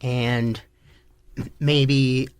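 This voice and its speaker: A man's voice: medium pitch, little pitch movement, very slow, clear, resonant tone, no echo. A man being interviewed on a podcast, telling stories in a laid-back, joking way. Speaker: podcast guest, rock musician. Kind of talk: casual interview chat.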